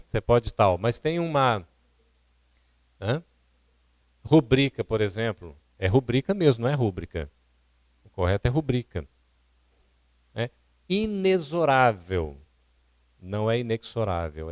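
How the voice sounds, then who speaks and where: In a seminar hall at a spiritist centre, a Brazilian man teaches public speaking in a didactic style, explaining points and questioning the audience. His medium-pitched voice is expressive at a moderate pace, with long pauses and no echo.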